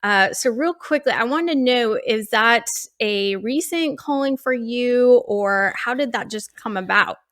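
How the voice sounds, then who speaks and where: A woman's voice: a little high, measured pace, few pauses, a bit bright, no room sound, clean studio sound. A woman hosting a faith podcast interview, encouraging and affirming as she talks with her guest. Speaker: podcast host.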